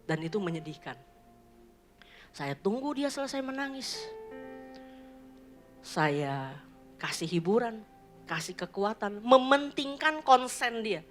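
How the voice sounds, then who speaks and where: A woman's voice: a little high, lively intonation, takes it slowly, long pauses, soft background music. A woman, preaching a sermon in a church. She tells stories and addresses the congregation, mixing in English phrases. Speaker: pastor.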